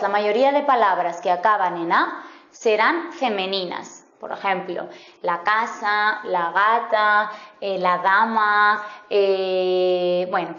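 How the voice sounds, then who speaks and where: Female teacher, patient explanatory delivery, mid pitch, roomy slightly muffled recording. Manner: patient, spells out example words slowly. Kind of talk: explanatory grammar lesson. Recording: roomy, slightly dull sound.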